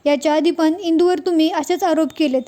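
A woman's voice: very high-pitched, steady tone, fairly quick, dark tone. A woman voicing a poor, humble older man who pleads earnestly and politely in a serial recap.

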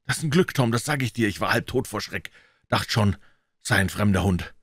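A man voicing a scared, superstitious ragged boy in an audiobook, speaking in a higher, frightened, often whispered voice. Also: lively intonation, fairly quick, fairly bright tone, no room sound, clean studio sound. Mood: fearful. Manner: whispered, frightened, raised pitch.

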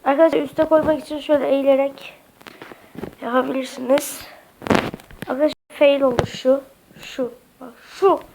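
A woman's voice: high voice, level tone, normal speed, vocal fry, long pauses, background noise. A woman narrating a casual game tutorial with a slightly sick voice, chatty and hesitant, often addressing the viewers as friends. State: slightly sick voice with occasional coughs. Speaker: Minecraft tutorial YouTuber.

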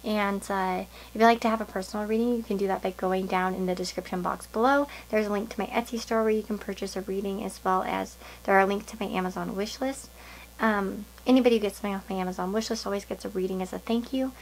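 A woman's voice: medium pitch, steady tone, fast talker, a little hiss or hum, poor audio. A woman giving a casual pick-a-card tarot reading to viewers, musing and thinking aloud in a meandering way.

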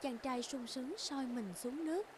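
A woman narrating a fairy-tale cartoon in a gentle, even storytelling delivery. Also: high voice, normal speed, noisy background. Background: loud background music.

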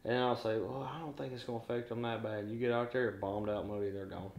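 A man's voice: on the low side, fast. A man, bragging in casual chat about his catches. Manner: boastful, animated storyteller. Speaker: angling guide and friend. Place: living room, indoors. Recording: roomy echo.

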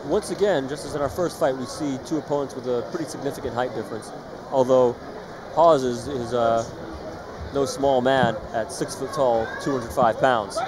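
A man's voice: medium pitch, steady tone, normal speed. A man giving live play-by-play commentary on a fight. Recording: loud crowd noise behind commentary. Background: loud arena crowd.

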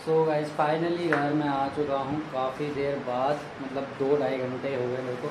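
Speaking at normal speed with a medium pitch and level tone, a young man from India chats casually to camera for a travel vlog, gesturing with his hands, music playing in the background. He films on a phone at arm's length on a hot, busy roadside and in a small home room, and the echoey recording carries loud street noise and traffic.

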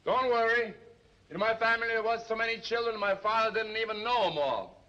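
An actor playing an excitable, melodramatic Russian roommate obsessed with astrology, on a dull old 1930s film soundtrack. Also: male voice, sits high, fairly quick. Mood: mournful. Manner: melodramatic, tearful, with a heavy put-on accent.

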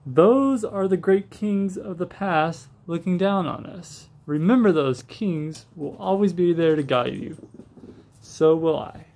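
Man doing a lion king, wise, fatherly, calm, measured, slightly high voice, storybook reading. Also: creaky, heavily acted. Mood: gentle, solemn.

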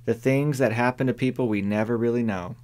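A man voicing a sharp-tongued older woman neighbor in an audiobook, dry, firm and plain-spoken. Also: medium pitch, fairly even intonation, brisk, close to an everyday voice. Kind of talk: audiobook character voice.

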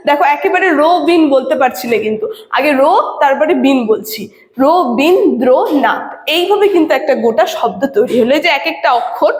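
High-voiced woman teaching in an echoey room. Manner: explains step by step, often checks in with 'okay'. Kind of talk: classroom lecture to students. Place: classroom with a board. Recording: echoey room with long reverb.

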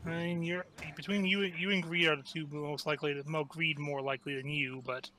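A man chatting while playing a video game with friends, calmly pointing out what the others should do. His voice is bright and forceful. It sits a little high for a man. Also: fairly quick, slight background noise. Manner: advising, matter-of-fact. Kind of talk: casual gaming chat.

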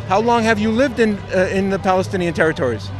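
A male interviewer asking long, halting questions with many restarts. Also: high-pitched, music in the background.

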